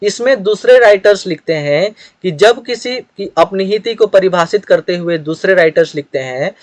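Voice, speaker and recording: Male teacher, high voice, dry close sound; steady explainer working through examples on a page. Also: normal speed, no room sound. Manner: steady explanatory delivery with examples, occasional throat clearing. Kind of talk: grammar lesson explaining a written page.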